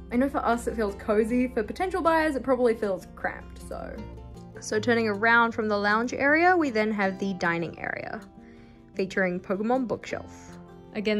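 Chatty New woman touring her house. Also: medium pitch. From New Zealand. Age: young adult. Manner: chatty, wry asides. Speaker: vlogger. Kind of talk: casual house tour. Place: house, indoors, moving room to room. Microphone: phone held at arm's length.

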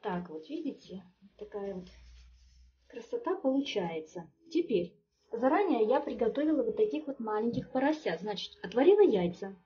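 This home cook's voice is a little high, warm and very animated, at a normal speed. Chatting homely at her kitchen table, she explains a recipe step by step, full of little fillers, while the muffled, distant recording carries faint music.

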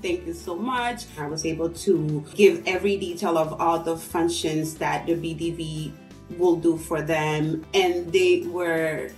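Bilingual call-center woman, lowish voice, lively storyteller, music faint underneath. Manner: animated storytelling. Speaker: bilingual service representative. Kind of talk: interview to camera. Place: home living room.

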